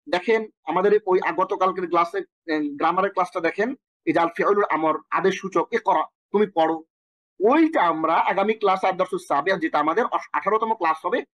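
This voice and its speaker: A young Bangladeshi man with a Bengali accent, teaching an online Arabic lesson and reciting verb conjugations in quick rhythmic runs. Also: high-pitched, a bit bright, dry recording. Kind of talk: online language lesson, drilling verb forms.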